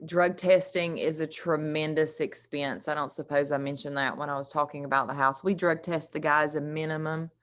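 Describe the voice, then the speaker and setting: A woman's voice: sits low, steady tone, moderate pace, hardly any pauses. A woman with a Southern US drawl, giving an informal presentation as director of a recovery program in an earnest, emphatic way. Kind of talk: informal presentation on an online meeting.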